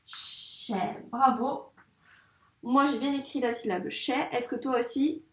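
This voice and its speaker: In an echoey room, a little distant from the microphone, a primary school teacher helps young children with their handwriting. She talks directly to the child in a fairly high voice with fairly even intonation, keeping her pace slow and encouraging.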